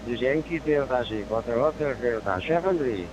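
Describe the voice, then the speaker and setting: A man calls in over a ham radio link, his voice muffled and lo-fi and cut through by bursts of loud static. He speaks formally, reading out call signs letter by letter. He keeps repeating his thanks in an ordinary mid-range voice. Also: mid-range voice, expressive, fairly quick. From Indonesia. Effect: heard over a digital ham radio link with static bursts. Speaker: amateur radio operator. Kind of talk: ham radio contact exchange. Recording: dull lo-fi radio audio with loud static noise.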